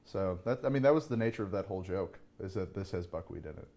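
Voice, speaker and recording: A man with a lowish voice talks casually among friends. He stumbles and restarts often, filling gaps with "uh" as he explains things. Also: expressive, mellow, slight background noise. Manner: halting, repeats words and fills with "uh". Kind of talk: casual chat.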